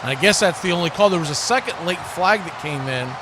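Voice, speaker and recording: An American man with a high, expressive voice calls live football play-by-play at a fairly quick clip, using short clipped phrases and repeating words as the action develops. The noisy live stream carries background noise.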